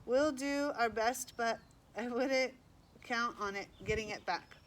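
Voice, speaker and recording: A brisk, practical transit cop who hands out dry advice, as a woman reads her. Her voice sits fairly high, with faint noise underneath. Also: lightly acted. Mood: matter-of-fact. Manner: matter-of-fact, dry advice.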